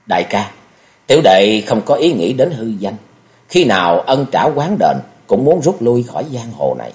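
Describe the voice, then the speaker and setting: A man's voice: medium pitch, sing-song, normal speed. A man voicing an anguished young male swordsman who pleads and cries out, in an audiobook reading. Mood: solemn. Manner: pleading, shouts in grief.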